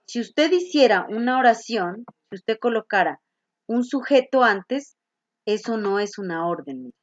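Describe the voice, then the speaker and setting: A woman's voice: fairly high pitch, animated, measured pace, no room sound, dull audio. A woman teacher explaining grammar to a class, patiently checking in with her students as she goes. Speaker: English teacher.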